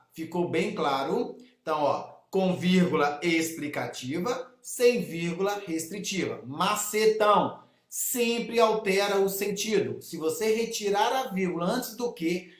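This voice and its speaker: Brazilian male teacher, high voice, lively and repetitive, echoey room. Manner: lively, addresses students directly, repeats key rules. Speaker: Portuguese teacher for exam candidates. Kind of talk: exam prep lesson.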